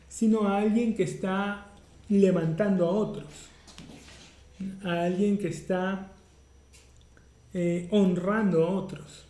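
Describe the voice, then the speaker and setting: Man, pastor preaching, high voice, mellow tone, rhetorical questions, echoey church room. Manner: teaching, asks rhetorical questions. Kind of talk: sermon.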